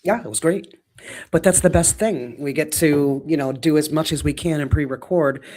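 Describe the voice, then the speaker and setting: A man's voice: fairly high pitch, normal speed, darkish tone. Man, fifties, podcast co-host, reflective, frequent fillers, casual. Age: 50s. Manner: reflective, lots of "um" and "you know".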